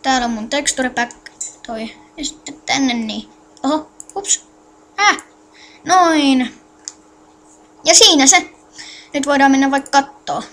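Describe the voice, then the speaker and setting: While clicking through a game on a screen recording, this tutorial maker alternates between instructing viewers and muttering to herself, halting and distracted. She speaks in a high, slightly bright voice.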